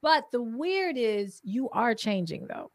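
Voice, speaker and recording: A woman in her fifties hosting a conversational interview, candid and animated, often laughing as she talks. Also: fairly high pitch, slow pace, dry recording, studio quality. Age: 50s. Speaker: podcast host and wellness coach.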